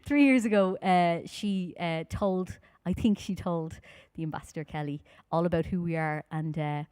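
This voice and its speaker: A woman in her thirties from Dublin with a Dublin Irish accent, chatting playfully with the audience between songs at a live concert, speaking into a stand mic on a dark stage. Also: lowish voice, steady tone, moderate pace, clean tone, no echo. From Dublin, Ireland. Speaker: folk singer and bandleader. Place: dark stage in a hall, indoors. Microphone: vocal mic on a stand. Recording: live stream with loud band music.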